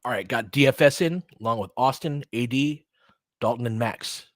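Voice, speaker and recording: This time his voice sits in the mid range at a normal speed, captured cleanly in a studio with no echo. He calls the basketball game live and casually, trading short bursts for conversational commentary, clearly rooting for his team.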